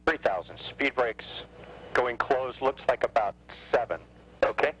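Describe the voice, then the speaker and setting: A man calmly calling out terse numbers and checks over cockpit headset intercom audio. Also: medium pitch, unhurried, muffled recording. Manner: clipped, calm, counting numbers. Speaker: shuttle crew member calling out landing. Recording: cockpit intercom playback, faint noise.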